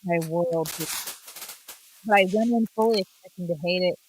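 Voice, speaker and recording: A woman chatting casually on a remote call, her voice muffled and low as if heard through a wall from a faulty headset. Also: a little fast, slight background noise. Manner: candid, rambling opinions with many restarts. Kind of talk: casual chat. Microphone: borrowed headphones with a faulty plug.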